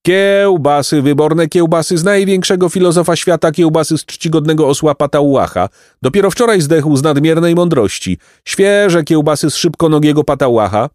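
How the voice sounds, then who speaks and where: A man voicing a loud, boastful innkeeper who hawks sausages, in a raised, pitched-up voice. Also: big pitch swings, moderate pace, no echo, clean studio sound, natural voice. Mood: hawking. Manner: raised, hawking voice.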